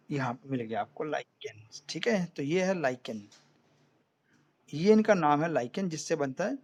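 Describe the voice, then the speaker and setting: A man's voice: fairly high pitch, dull audio. Hindi-speaking male science teacher, checks in often. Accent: Indian. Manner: explains step by step, checks in with students often. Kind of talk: online class lecture.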